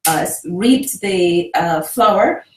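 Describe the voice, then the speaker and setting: A middle-aged woman from Jamaica, a guest speaking calmly and measured in a casual chat. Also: on the low side, far from the mic, a little hiss or hum. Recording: echoey room, away from the mic.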